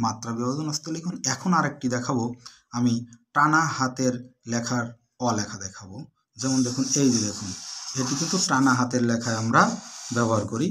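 Measured handwriting teacher. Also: male voice, mid-range voice, a bit bright. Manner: measured, deliberate, repeatedly points things out to the viewer. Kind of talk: instructional lesson while demonstrating writing.

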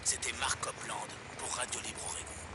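An actor playing an angry, paranoid male host of a pirate radio broadcast in a game, with a gritty, hushed, intense voice, heard over noise. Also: mid-range voice, level tone, moderate pace, vocal fry. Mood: grim, ranting. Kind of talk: game dialogue played from a radio.

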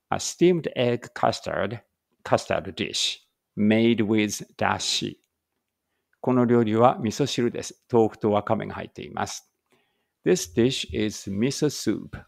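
A man with a gravelly, creaky voice leads a read-aloud English lesson. He reads each Japanese line and then the English slowly and deliberately, breaking off now and then to check how a word is pronounced. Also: fairly low pitch, no room sound, studio quality. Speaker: English teacher.

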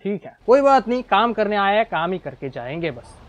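A young man giving casual, chatty gameplay commentary, full of excited exclamations. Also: sits high, moderate pace, lo-fi sound. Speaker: gaming YouTuber.

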